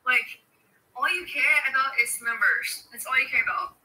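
A woman's voice: high-pitched, normal speed, pushed and bright, distant mic, rough recording. A woman ranting defensively on a livestream, full of "like" fillers. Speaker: streamer in a played clip.

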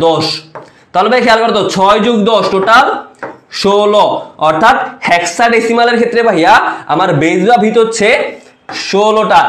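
A man's voice: high voice, a bit bright, reverberant. A male teacher giving an online class lecture, casually quizzing students and repeating each term several times. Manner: repeats key terms, quizzes students with quick questions; casual, calls students "bhaiya".

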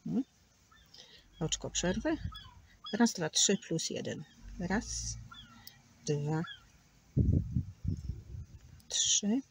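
A woman's voice: fairly low pitch, lively intonation, very slow, long pauses, slight background noise. A woman teaching a crochet tutorial, patiently counting stitches aloud and sometimes dropping to a near whisper. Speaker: crochet instructor.

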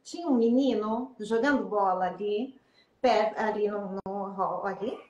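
A woman from Brazil with a Brazilian Portuguese accent, hosting an interview and telling stories in a lively way with frequent laughter. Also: medium pitch, a little slow. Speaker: interview host. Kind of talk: casual interview and storytelling. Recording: echoey room.

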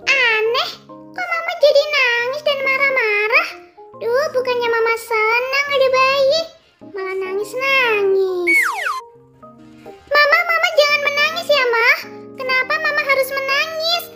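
A woman's voice: extremely high pitch, a little slow, pushed and bright, soft background music, heavily acted. A woman voicing eager little children in a game role-play story, pleading and chattering. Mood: puzzled, explaining. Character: eager little kids who found a baby.

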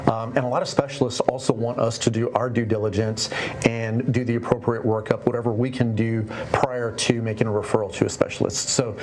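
A middle-aged man, a family doctor, guesting on a TV studio segment and explaining calmly with many "you know"s, on a lapel mic. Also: medium pitch, a little fast, noisy background. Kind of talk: TV guest interview. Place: TV studio set.

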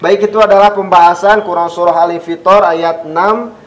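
A man teaching Quran recitation rules, drilling each syllable slowly and deliberately with an Indonesian accent. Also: sits high, steady tone. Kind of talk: tajweed lesson, explaining and modelling recitation.

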